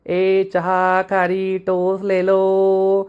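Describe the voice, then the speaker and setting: A man voicing a chatty, cheeky young wife who teases and argues in rapid, mock-indignant bursts. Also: mid-range voice, completely flat delivery, smooth, lo-fi sound. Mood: chattering, teasing.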